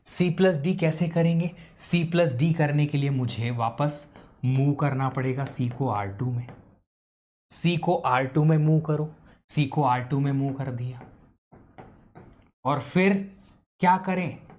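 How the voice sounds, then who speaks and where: सवाल पूछता हुआ ऑनलाइन शिक्षक. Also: male voice, mid-range voice, slow pace, pauses often, darkish tone, slight background noise. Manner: quizzes students, mixes English into Hindi. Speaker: teacher. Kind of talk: live online lecture.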